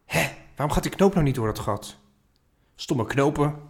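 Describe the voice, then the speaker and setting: A man's voice: a little high, lively intonation, moderate pace, gravelly, voice pushed up. A man doing an eager, stubborn little boy. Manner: grumbles when frustrated, proud when it works.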